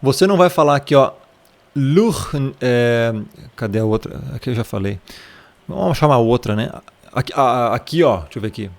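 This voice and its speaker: A Brazilian-accented man talks through a Bible passage in a relaxed, conversational lesson. His voice sits at an ordinary middle pitch. He keeps checking in with the listener and pointing at words in the text as he explains them. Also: moderate pace, gravelly. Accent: Brazilian Portuguese. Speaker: Bible teacher. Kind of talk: casual Bible study lesson.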